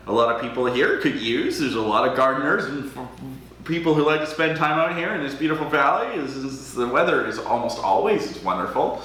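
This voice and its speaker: A man's voice: medium pitch, bright, forceful tone, slight background noise. A young man from Alberta, Canada, hosting a charity auction on a livestream, chatty and self-deprecating, often hesitating with ums. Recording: very echoey room.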